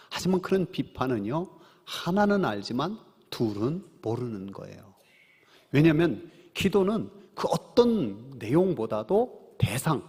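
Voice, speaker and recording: Pastor, male, earnest sermon delivery, husky and lively, long church reverb. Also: medium pitch. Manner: earnest preaching, asks the congregation questions. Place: church sanctuary.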